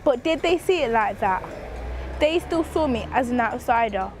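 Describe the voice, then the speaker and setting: A woman's voice: fairly high pitch, expressive, moderate pace, darkish tone, faint music behind. A young woman performing spoken word poetry in an earnest, rhythmic recitation. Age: young adult.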